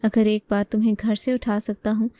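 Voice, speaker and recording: A woman voicing a young man who has kidnapped a girl, speaking in a flat, measured way and chewing each word. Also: medium pitch, no room sound, natural voice. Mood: threatening. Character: angry young man, the kidnapper, cold and threatening.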